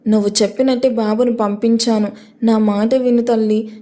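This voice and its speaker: Worried old grandmother, read by a woman narrator; pleading and fretful, a touch higher voice. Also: level tone, normal speed, dark tone, close to an everyday voice. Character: elderly woman, the heroine's anxious, caring grandmother.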